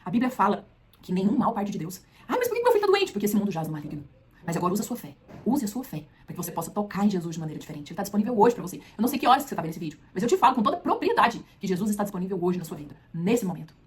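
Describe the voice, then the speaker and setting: A Brazilian woman delivers a sermon at a rapid clip. She acts out the people in the story, jumping from excited high lines to soft, near-whispered ones. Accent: Brazilian Portuguese. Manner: dramatic retelling with acted quotes, swings between loud and hushed.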